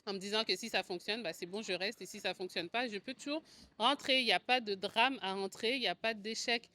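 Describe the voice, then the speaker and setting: This agency co-founder and video channel host, a French woman in her forties, speaks briskly in a medium-pitched, pushed and bright voice. In a personal vlog to camera, she relates her own story conversationally and explains as she goes, with a French accent.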